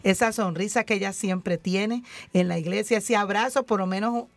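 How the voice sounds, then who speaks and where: A woman's voice: medium pitch, normal speed, dry recording. A woman hosts a faith program in a dry, close-miked voice. She keeps adding amens and laughs easily as she chats with her guest. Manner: lively, fills in with frequent amens, laughs easily. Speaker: host. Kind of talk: faith radio conversation.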